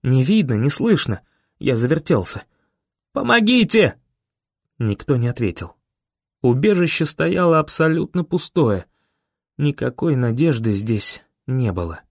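Мужчина драматично читает аудиокнигу от первого лица и с напряжением озвучивает отчаянные крики и мольбы героев. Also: male voice, medium pitch, big pitch swings, normal speed, no echo, studio quality. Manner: intense, voices the characters' desperate shouts and pleas. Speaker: audiobook narrator. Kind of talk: dramatic first-person audiobook reading.

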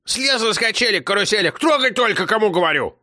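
A man voicing a loud, domineering old grandmother who scolds and shouts in a high voice. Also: lively intonation, fast talker, exaggerated voice. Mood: scolding shouts.

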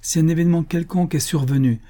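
A man reading the part of a gentle older mother, a countess, pleading affectionately with her future son-in-law. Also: on the high side, fairly even intonation, quick pace, voice pushed up, lightly acted. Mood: insistent. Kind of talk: audiobook character reading.

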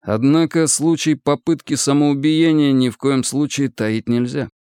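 A man voicing a calm young male soldier who speaks in a formal, measured, stern way. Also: mid-range voice, smooth, dry recording, studio quality, lightly acted.

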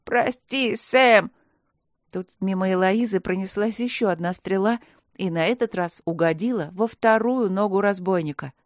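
A woman narrating a fantasy audiobook in a measured, expressive way. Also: mid-range voice, no echo, clean studio sound. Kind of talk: scripted fantasy story narration.

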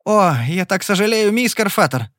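A man's voice: fairly high pitch, animated, brisk, fairly bright tone, dry recording, clean studio sound. Man voicing a cool, mocking young gambler. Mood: mock-polite. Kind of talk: audiobook character voice.

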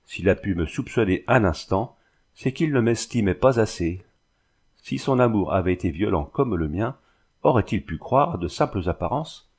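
A man's voice: fairly low pitch, darkish tone, slightly rough. Male reader voicing a proud, wounded young heroine; storybook reading, bitter and restrained.

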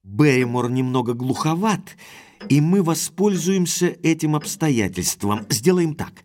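Spirited Sir Henry, very animated. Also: male voice, on the high side, measured pace. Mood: decisive, eager. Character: Sir Henry, spirited, headstrong aristocratic baronet. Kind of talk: audio drama acting.

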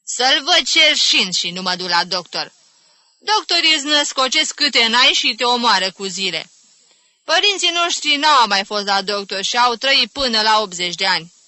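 Woman doing a brusque old aunt, high, piercing, dry sound. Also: bright, forceful tone, no room sound. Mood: snapping. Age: older. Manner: brusque, scolding. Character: snappish old aunt, dismissive of doctors. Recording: dry close studio reading.

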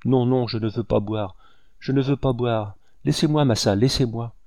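A man's voice: mid-range voice, moderate pace, warm tone, dry recording, lightly acted. A man voicing a terrified pleading woman. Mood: panicked begging. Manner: desperate, begging, broken phrases. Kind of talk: audiobook character voice.

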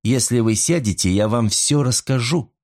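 A man voicing a cold, scheming young woman who speaks in a deliberate, icy way, in a storybook reading. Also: medium pitch, a little mellow, close to an everyday voice. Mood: icy, calculating.

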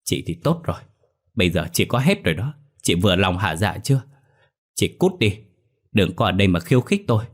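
A man's voice: fairly low pitch, sing-song, fast, a little mellow, breathy edge. A man voicing a furious young concubine. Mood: screaming. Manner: sobbing, screaming accusations.

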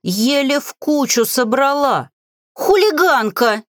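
A woman voicing a grumpy female talking spellbook in a creaky, whiny voice, complaining in drawn-out words. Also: sits high, lively intonation, no echo, clean studio sound, voice pushed up. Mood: indignant.

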